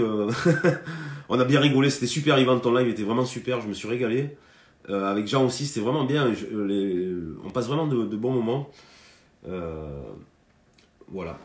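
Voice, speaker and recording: Male guitar teacher on a live stream, loose and chatty, lots of fillers, mid-pitched voice, roomy sound with guitar under him. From France. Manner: chatty, hesitant, many fillers and restarts; greets viewers by name between explanations. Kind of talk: casual live guitar lesson.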